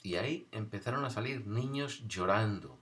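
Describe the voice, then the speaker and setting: A man from tells a personal story from his school years in a conversational, wry way, pausing and restarting as he recalls. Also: on the low side, lively intonation, fairly bright tone.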